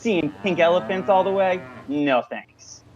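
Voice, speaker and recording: A man's voice: high-pitched, unhurried, muffled recording. A man playing a brash, folksy hitchhiker in an amateur radio thriller, talking bluntly and colloquially. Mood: alarmed, annoyed. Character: brash, folksy, easygoing hitchhiker turning wary.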